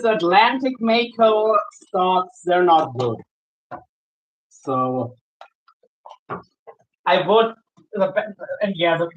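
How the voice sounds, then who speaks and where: A man from Germany, a shark angler chatting casually with viewers while he works, easygoing and halting, often restarting his sentences. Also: sits high, fairly bright tone, low-quality recording. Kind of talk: casual livestream chat while working.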